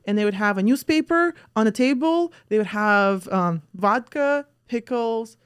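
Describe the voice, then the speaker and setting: A woman from Russia hosting a casual podcast, telling stories in a chatty, animated way with lots of restarts. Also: fairly high pitch, measured pace, clear, resonant tone. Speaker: podcast host.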